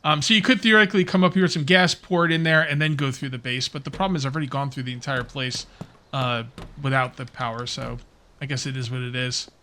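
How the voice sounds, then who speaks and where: Chatty bright-voiced man narrating gameplay. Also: mid-range voice, fairly even intonation, fast talker. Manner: chatty, rambling, talks to viewers while playing. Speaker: gaming YouTuber. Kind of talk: casual let's-play commentary.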